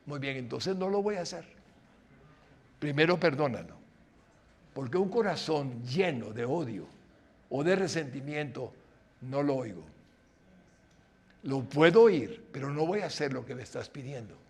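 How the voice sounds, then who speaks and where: An older man preaching as a pastor, acting out short dialogues and swinging between loud exclamations and hushed lines. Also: mid-range voice, lively intonation, a little slow, gravelly, pauses often, breathy edge. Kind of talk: sermon.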